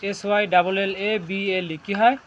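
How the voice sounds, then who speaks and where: A male teacher with a high, fairly even voice talks a little fast as he leads a classroom lesson, drilling students in call-and-response and constantly quizzing them, ending lines with "right?" to check they follow. The recording is dull and lo-fi, with background noise from the classroom.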